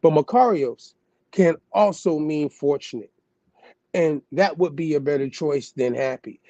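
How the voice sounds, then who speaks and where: A man's voice: medium pitch, mellow, no room sound, highs cut off. A man hosting a podcast who switches between casual slangy talk and reading passages aloud, often turning to a listener he calls God. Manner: loose slangy asides, calling the listener "God".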